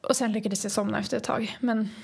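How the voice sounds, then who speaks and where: A woman's voice: fairly high pitch, fairly even intonation, gravelly, breathy edge. A young woman co-hosting a casual chat, telling a story with frequent laughter and swearing. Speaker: podcast co-host.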